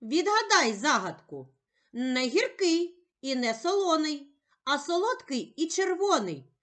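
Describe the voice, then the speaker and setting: A woman teacher speaking slowly and carefully in a sing-song voice, giving a reading lesson for young children. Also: sits high, big pitch swings, fairly bright tone. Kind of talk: slow, clearly articulated children's reading lesson.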